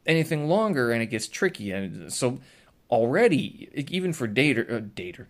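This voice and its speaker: A man's voice: medium pitch, sing-song, normal speed. A man vlogging, casually recounting an everyday story in a rambling, self-interrupting way with chuckling asides.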